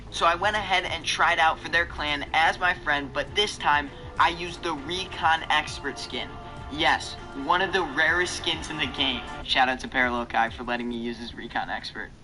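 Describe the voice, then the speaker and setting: A man's voice: a little high, sharp tone. A young man narrating his gaming video in a hyped, promotional way. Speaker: gaming YouTuber. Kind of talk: casual gaming vlog narration. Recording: noisy game audio behind.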